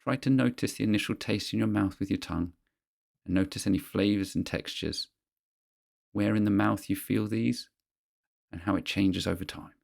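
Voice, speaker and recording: A man with a low, heavily creaky voice leads a guided mindfulness exercise. His delivery is husky and measured, with pauses between short instructional phrases. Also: darkish tone. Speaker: guide of a therapeutic grounding exercise.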